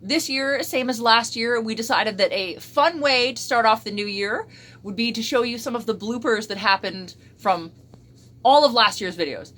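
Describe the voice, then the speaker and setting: Speaking at normal speed in a slightly high, somewhat bright voice with a faint crackle, this woman vlogger riffs casually on her bloopers. Her humor is sarcastic and she curses a lot.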